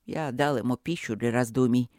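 A woman reading an audiobook, voicing a calm older-sounding man, a wise dragon swordmaster who speaks in an unhurried, gently stern way. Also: rumbling low, no room sound, studio quality, voice pushed down. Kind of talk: audiobook character voice.

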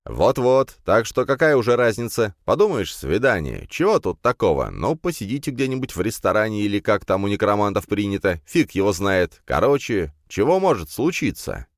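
A man's voice: on the low side, very animated, moderate pace, few pauses, dry recording, studio quality, voice pushed up. A man voicing a pushy young male student who keeps begging his friend in an audiobook. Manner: whiny, insistent begging.

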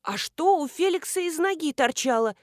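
Flustered nervous housekeeper, done by a woman narrator, shrill and loud. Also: very animated, moderate pace, no room sound, studio quality. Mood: frightened. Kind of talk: audiobook character reading.

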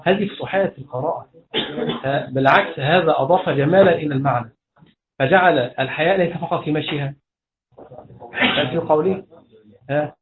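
A man with an Egyptian accent teaching a grammar class as a sheikh, reciting verses and questioning his students. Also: a little high. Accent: Egyptian Arabic. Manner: questions the class and answers himself. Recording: echoey room over a phone-like line.

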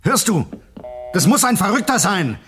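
An actor playing Clay Montague, an alarmed man in a radio crime drama, questioning tensely and shouting for his friend. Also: mid-range voice, big pitch swings, moderate pace, natural voice.

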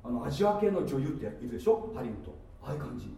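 A man preaching a sermon, playful and animated, with asides and laughter, recorded from a distance in a church hall. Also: a little high, rapid-fire, vocal fry. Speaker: pastor. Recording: echoey hall from far off with faint noise.

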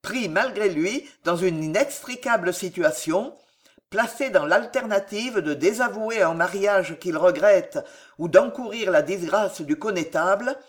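A man reading aloud and voicing a passionate, desperate young nobleman with intense, forceful declamation. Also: high-pitched. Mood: grave.

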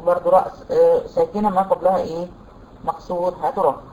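A woman with an Egyptian Arabic accent teaching a tajweed lesson, explaining rules patiently, quizzing her students and reciting examples slowly. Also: lowish voice, steady tone, dark tone, a little hiss or hum, rough recording. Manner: quizzes students with rhetorical questions.

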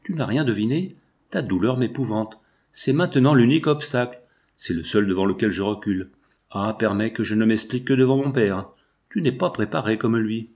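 A man's voice: on the low side, animated, moderate pace, darkish tone. A man reading as an earnest pleading young daughter.

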